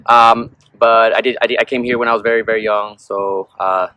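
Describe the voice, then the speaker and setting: A young Peruvian-born musician, a guest being interviewed, rambles casually and peppers his speech with "you know" and "um." His voice is fairly low and fairly even in intonation, brisk with a sharp, clean tone. The background is noisy.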